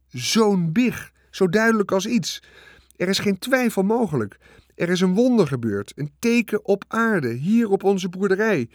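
A man's voice: mid-range voice, no echo, studio quality, natural voice. A man voicing a middle-aged farmer in a storybook reading, talking in a solemn, insistent way. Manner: rising to excited, insistent declaring.

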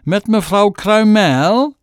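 A man's voice: sits high, lively intonation, slow, clear, resonant tone, no room sound, studio quality, pitched above the performer's own voice. A man voicing a pompous, snobbish mother and politician with an affected, posh phone voice. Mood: fawning.

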